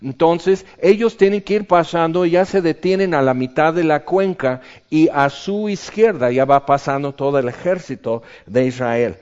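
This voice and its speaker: A man's voice: fairly high pitch, moderate pace, few pauses, a little mellow, smooth. Man preaching, lo-fi sound. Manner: conversational teaching with rhetorical questions and asides. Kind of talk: sermon. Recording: dull lo-fi recording.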